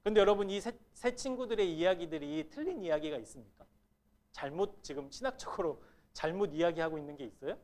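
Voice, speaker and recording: A middle-aged man preaches in a church, his voice sitting a little high. He keeps putting questions to the congregation and acts out the lines he quotes. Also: expressive, quick pace, a little mellow. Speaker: pastor. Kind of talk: sermon. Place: church sanctuary.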